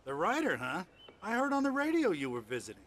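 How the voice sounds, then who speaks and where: A man's voice: high-pitched, huge pitch swings, a little fast, a bit bright, full character voice. A man voicing a folksy, God-fearing trailer park manager in a video game. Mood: folksy, curious. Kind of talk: video game dialogue acting.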